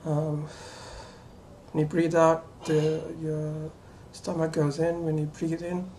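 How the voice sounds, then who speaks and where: A young woman with a low voice talks slowly and haltingly to a camera in a small bedroom. She mutters as if thinking aloud during a casual practice session, with faint room noise behind her. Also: level tone, warm tone. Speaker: voice trainee doing breathing exercises. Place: small cluttered bedroom, indoors.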